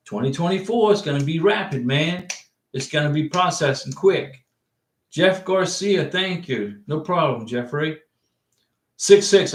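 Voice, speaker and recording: A man with a somewhat high voice hosts a casual livestream Q&A, reading out viewer questions and answering in a loose, rambling way. The sound is echoey, like a bare room at home. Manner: chatty, rambling, reads viewer questions aloud. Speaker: livestream host giving immigration advice.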